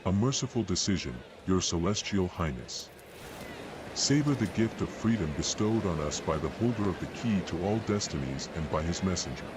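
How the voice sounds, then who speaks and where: An actor playing a cold, solemn executioner who declaims in a grandiose, ceremonial manner in a dramatic video game. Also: male voice, low voice, expressive, normal speed, background noise. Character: cold solemn male executioner presiding over public burnings.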